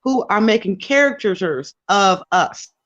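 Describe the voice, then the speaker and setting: A woman calls in as a guest on a casual talk show, talking emphatically and rambling with restarts in an animated, unhurried, mid-range voice that is a bit bright. Her remote call line is crackly and keeps dropping, leaving the audio dull and lo-fi.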